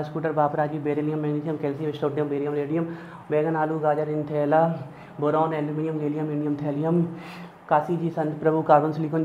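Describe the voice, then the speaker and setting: A man's voice: on the high side, dark tone. A male chemistry teacher, teaching periodic table mnemonics and chanting element names in rhythmic lists. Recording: dull lo-fi sound with faint background noise.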